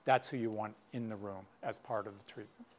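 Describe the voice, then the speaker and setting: A man's voice: fairly low pitch, fairly even intonation, brisk, slight background noise. A middle-aged man giving a workshop lecture as a clinician, in a conversational way with many asides and anecdotes. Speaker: guest speaker, clinician.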